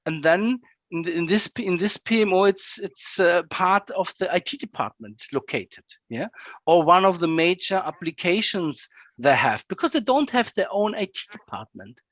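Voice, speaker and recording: A man's voice: sits high, animated, normal speed, a bit bright, no echo, muffled recording. Dry-sounding man explaining, says "yeah" often. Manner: repeats words, ends phrases with tag "yeah". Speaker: guest, project management executive. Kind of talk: casual video-call interview.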